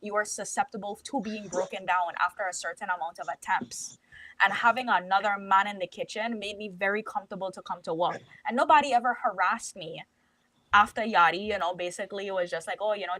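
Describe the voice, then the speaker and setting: Young woman, podcast co-host, earnest opinionated storyteller, bright tone, dry mic. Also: medium pitch, no echo. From Caribbean. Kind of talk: casual podcast discussion.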